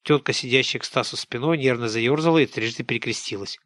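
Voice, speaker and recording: A man narrating an audiobook in scripted, expressive storytelling narration. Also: medium pitch, fast, no echo, studio quality.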